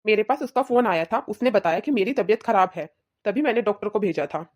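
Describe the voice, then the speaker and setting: A woman voicing a young married son in a cartoon, calm and reasoning. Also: medium pitch, fairly quick, lo-fi sound, natural voice.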